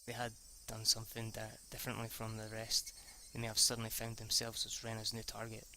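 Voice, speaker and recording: A man with a lowish, monotone voice reads a visual novel aloud as an amateur let's player, speaking fairly quickly with a sharp tone over a little hiss or hum. He stumbles over words, rereads and restarts lines, and swears casually when reacting off the cuff.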